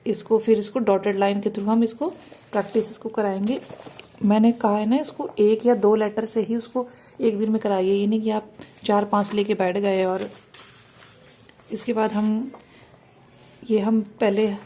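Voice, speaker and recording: A woman's voice: medium pitch, level tone, normal speed, mellow, a little hiss or hum. A woman teaching parents the Hindi alphabet, asking questions and answering them herself, stretching out the vowel sounds.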